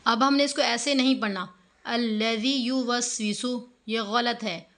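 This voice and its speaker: A woman's voice: fairly high pitch, moderate pace, fairly bright tone. A woman giving an online tajweed lesson, patiently explaining pronunciation step by step and drawing out each syllable as she recites. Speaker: online Quran teacher.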